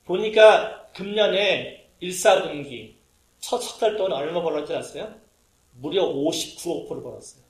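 A man preaching as pastor, telling a story with lively acted-out quotes and English phrases. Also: fairly high pitch, normal speed. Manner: animated, acts out quotes, mixes in English phrases. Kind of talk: storytelling sermon. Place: church sanctuary. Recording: roomy echo of a hall.

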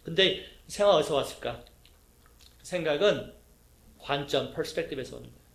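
A middle-aged man preaching a sermon as a pastor, asking his congregation questions and acting out quotes in a lively way. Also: on the high side, brisk, gravelly, roomy sound. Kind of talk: sermon teaching.

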